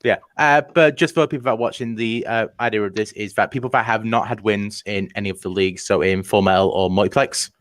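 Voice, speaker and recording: A man with a lowish voice hosts an online trivia show at a brisk clip, tossing out jokes and moving things along. His voice sounds close and dry, with no room around it. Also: fairly even intonation, fairly bright tone, no echo. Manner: jokey, runs the show with quick asides. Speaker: trivia match host. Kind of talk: casual online show banter.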